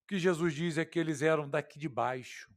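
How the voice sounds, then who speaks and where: A man's voice: on the high side, a little fast. A man preaching an expository sermon, talking conversationally and asking the congregation rhetorical questions. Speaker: pastor.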